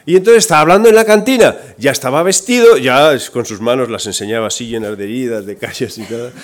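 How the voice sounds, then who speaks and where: A man's voice: mid-range voice, quick pace. A man with a Spain Spanish accent preaching a sermon, telling a story and acting out its voices with energy. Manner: lively, acts out the voices in his story.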